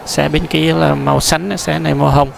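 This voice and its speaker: A man with a heavily gravelly, creaky voice chats his way through an indoor amusement park, talking straight to his viewers. He rambles along with fillers and restarts in an even, flat delivery. Clear crowd and ride noise fills the space behind him. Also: a little high, fairly quick, poor audio. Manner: chatty, addresses viewers directly, rambling with many fillers and restarts. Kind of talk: casual walking-tour commentary. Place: large indoor mall amusement park, noisy and busy.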